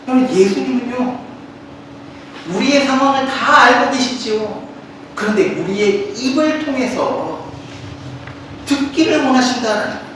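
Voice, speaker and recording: A man's voice: extremely high pitch, animated, a little slow, long pauses, a bit bright, slight background noise. A male pastor giving a sermon in a friendly, conversational way, speaking straight to his congregation. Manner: conversational, addresses the congregation directly. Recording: echoey hall from a distant mic.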